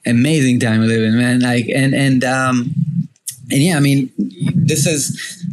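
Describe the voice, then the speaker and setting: A man's voice: mid-range voice, steady tone, a little slow, rough recording. A man hosting a podcast in a casual, rambling way, full of fillers like "like" and "you know". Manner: rambling, many fillers, laughs often. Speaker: podcast host. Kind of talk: casual chat.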